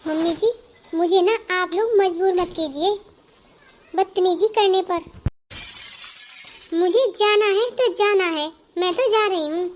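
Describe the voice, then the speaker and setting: A woman voicing a headstrong young bride in a cartoon, talking back sharply in a very high voice. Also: takes it slowly, pauses often, a little hiss or hum. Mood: defiant. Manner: defiant, talks back sharply. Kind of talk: Hindi cartoon voice acting.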